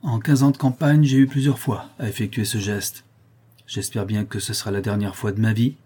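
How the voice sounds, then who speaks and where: Man reading gruff ex-navy commander, firm, low husky voice, audiobook. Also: fairly even intonation, moderate pace, dark tone. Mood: grim, steady. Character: gruff former naval commander, blunt and weary.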